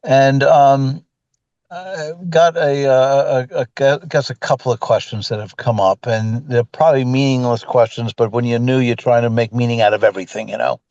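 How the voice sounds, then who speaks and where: A man on a video call asks a long question in a halting way, often stopping and restarting. His audio is dry and a bit muffled, like a cheap call mic. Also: medium pitch, steady tone, a little mellow, dry recording. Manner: halting, hesitant, many restarts. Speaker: caller, new agent.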